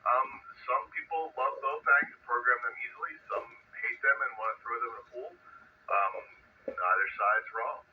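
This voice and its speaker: A man's voice: mid-range voice, moderate pace. Man on tinny, static-filled radio. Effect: two-way radio transmission with static. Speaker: radio net control host. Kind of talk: amateur radio net check-in talk.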